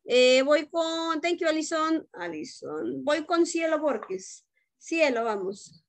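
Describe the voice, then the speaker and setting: A woman's voice: sits high, takes it slowly, vocal fry, no room sound. A woman teacher leads an online class, correcting students' pronunciation and checking in often. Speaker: English teacher. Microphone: video call.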